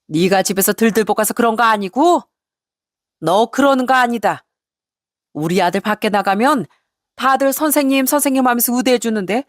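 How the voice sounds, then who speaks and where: A possessive mother-in-law with a scornful, nagging tongue, as a woman storyteller puts her on. The voice swings widely in pitch and sits close and dry. Each line lands as a reproach. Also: dry recording, close to an everyday voice.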